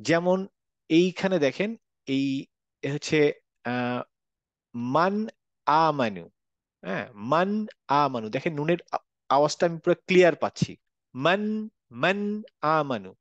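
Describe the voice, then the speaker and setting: A man's voice: a little high, animated, a little slow, long pauses, dry recording, dull audio. A man teaching a Quran recitation class online, patiently repeating examples and checking that students follow. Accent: Bangladeshi Bengali.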